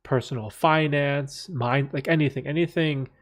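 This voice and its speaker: Speaking at a normal speed with fairly even intonation and a medium pitch, a man answers viewers' questions in a relaxed livestream from his home, bookcase behind him. His talk wanders, filled with restarts and fillers.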